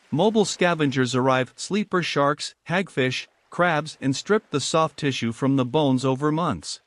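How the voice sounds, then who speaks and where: A man reading scripted nature documentary narration for sleep, measured and unhurried. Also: fairly high pitch, no room sound.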